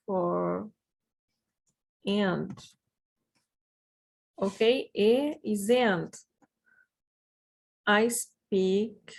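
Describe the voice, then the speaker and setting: A Brazilian language teacher with a creaky, medium-pitched voice teaches Portuguese vocabulary in English with a Brazilian accent. In this slow lesson with repetition drills, she patiently says each word twice before translating it.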